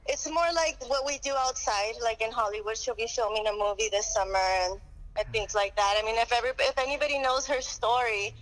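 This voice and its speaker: A woman's voice: a little high, steady tone, brisk, a bit bright, low-quality recording. A woman calling in on speakerphone, an outspoken publicist chatting casually and asking blunt questions. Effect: heard over a phone on speakerphone. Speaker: boxing publicist and marketing manager calling in. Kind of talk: casual call-in chat. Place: at an airport before a flight.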